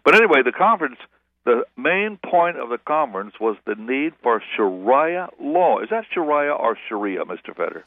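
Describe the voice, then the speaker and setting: A man's voice: mid-range voice, big pitch swings, normal speed, no echo. A man, a pastor as guest, talking in a rambling, self-correcting way in a radio interview by phone. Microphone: telephone. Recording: tinny, dry phone line.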